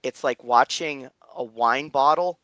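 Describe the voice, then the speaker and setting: A man narrating a tabletop game as game master, halting and repeating words as he goes. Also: mid-range voice, sharp tone, no echo.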